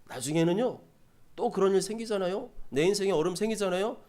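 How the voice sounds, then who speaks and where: A man's voice: high voice, fast talker, mellow. A man preaching a sermon as a pastor, conversational and emphatic, with repeated phrases and rhetorical questions to the congregation.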